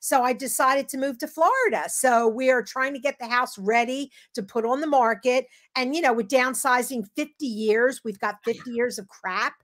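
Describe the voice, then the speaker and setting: A woman in her seventies, a podcast guest, telling lively stories in casual chat. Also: high voice, moderate pace, hardly any pauses. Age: 70s. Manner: lively storyteller.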